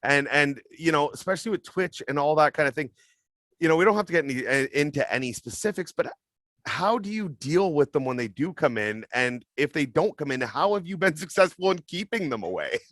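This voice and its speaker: A man's voice: fairly high pitch, lively intonation, fairly quick, a bit bright, dry recording. A man hosting a casual streaming interview, asking long rambling questions in a friendly way. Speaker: podcast host.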